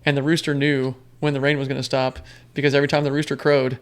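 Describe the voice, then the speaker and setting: A man's voice: medium pitch, flat delivery, quick pace, smooth. A man talking casually as a podcast guest, telling rambling stories full of fillers and restarts. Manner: rambling storyteller with many fillers. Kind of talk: casual conversation.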